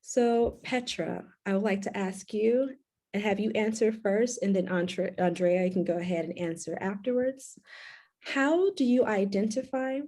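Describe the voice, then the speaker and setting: A woman host reads guest introductions in a measured, formal way and then moderates the panel. Her voice is mellow and relaxed. She speaks over a video call. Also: medium pitch. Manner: clear, measured, formal reading. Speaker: co-curator and host.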